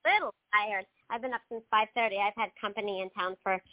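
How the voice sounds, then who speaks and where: A woman's voice: medium pitch, fast talker, no room sound. A woman chatting casually as a call-in guest on a radio show. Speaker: regular call-in guest on a wellness segment. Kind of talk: casual phone chat. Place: on a phone line from the Carolinas. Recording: narrow tinny phone line.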